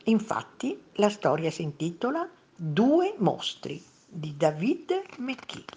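A woman reading a picture book aloud to children, expressive and unhurried. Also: medium pitch. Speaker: storyteller for children.

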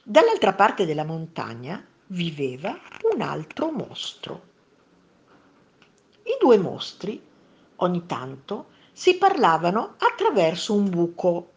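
A woman reading a picture book aloud to children, expressive and unhurried. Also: medium pitch. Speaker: storyteller for children.

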